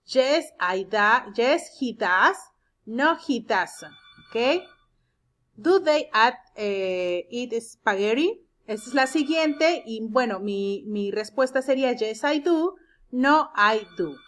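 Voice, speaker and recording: A woman teaching an English grammar lesson, explaining step by step and reading example sentences slowly and clearly. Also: fairly high pitch, a bit bright. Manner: explains step by step, checks with "¿de acuerdo?".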